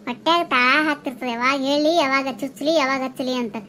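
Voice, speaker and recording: A woman voicing an older, sharp-tongued village housewife in a comic cartoon, speaking with a North Karnataka Kannada accent and scolding with quick retorts. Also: sits high, steady tone, slight background noise. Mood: grumbling.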